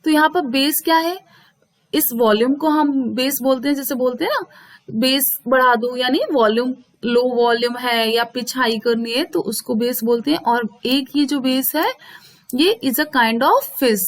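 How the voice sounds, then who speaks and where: High-voiced woman teacher. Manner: mixes Hindi and English, reads English definitions slowly. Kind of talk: explaining a school English lesson.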